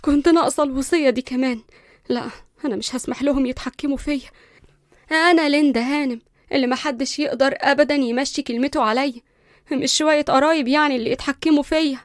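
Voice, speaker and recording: A woman puts on a spoiled, arrogant young woman from a storybook, with an Egyptian Arabic accent. She talks fast and fairly high, loud and scornful, and the recording sounds close and dry. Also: no echo, close to an everyday voice. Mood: indignant.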